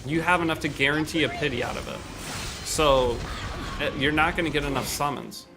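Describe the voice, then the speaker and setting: A man's voice: on the high side, a little fast, music in the background. A man casually chatting on a game livestream from home, answering viewers' questions in an offhand, rambling way with some slang. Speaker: game streamer.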